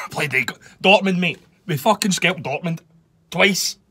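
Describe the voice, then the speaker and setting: A man's voice: high voice, measured pace, bright, forceful tone, breathy edge, exaggerated voice. A man with a Glaswegian Scottish accent playing a cocky, gloating football fan in sweary, mocking banter for a comedy sketch. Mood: teasing.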